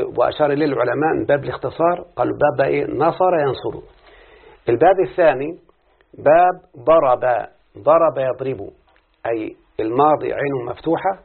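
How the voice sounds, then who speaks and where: A man's voice: mid-range voice, creaky, husky, narrow, tinny audio. A man with an Egyptian accent teaching a classical grammar lesson, often prompting his students with questions. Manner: questioning, drawing students in with repeated "what?" prompts. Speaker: teacher of Arabic morphology. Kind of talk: classical Arabic grammar lesson with opening prayers.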